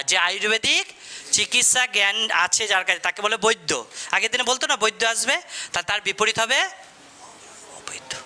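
A man's voice: high-pitched, pushed and bright, slight background noise. A man teaching a classroom lesson in a Bengali accent, quizzing students and repeating their answers back.

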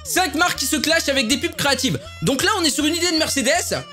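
A man's voice: very high-pitched, animated, fast talker, sharp tone. A man giving casual, amused commentary as a YouTuber reacting to ads, over background music. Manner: chatty, amused. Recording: music playing underneath.

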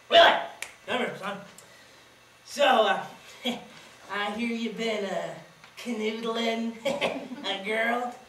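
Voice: mid-range voice, extremely slow, long pauses, a bit bright, a little hiss or hum. A student performer playing a boastful, sly old country grandfather who lectures with a cackling folksy drawl, on a school stage. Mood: boisterous. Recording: distant echoey auditorium recording.

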